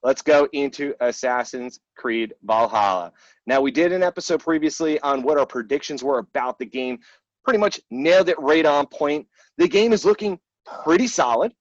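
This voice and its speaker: A man's voice: a little high, moderate pace, no room sound. Casual, blunt male host, slightly dull sound. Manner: blunt, informal. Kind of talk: casual gaming debrief, chatty with swearing.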